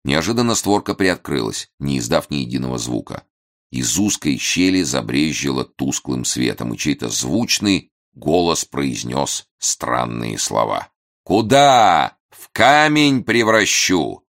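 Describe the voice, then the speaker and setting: A man narrating a novel as an audiobook, reading in an even, measured way. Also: a bass voice.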